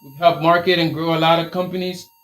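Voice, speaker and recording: In a laid-back live stream, a man from Liberia fields questions about his t-shirt business, repeating himself with motivational energy in his Liberian accent. The pitch is slightly high, the delivery is quick, and the recording quality is low.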